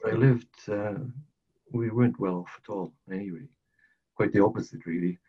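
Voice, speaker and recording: A man's voice: on the low side, moderate pace, breathy edge. An older man from South Wales with a Welsh accent, a podcast guest telling his life story earnestly, repeating phrases for emphasis. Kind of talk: casual storytelling interview. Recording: dull lo-fi audio.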